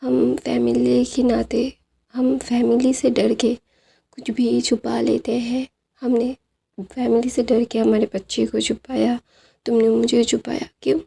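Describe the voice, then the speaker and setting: Brief: gentle, reassuring young man, read by a woman narrator, husky and dark, storybook retelling. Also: on the high side, level tone, a little slow, heavily acted. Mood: pleading. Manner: soft, reassuring, earnest. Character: tender young man comforting his lover.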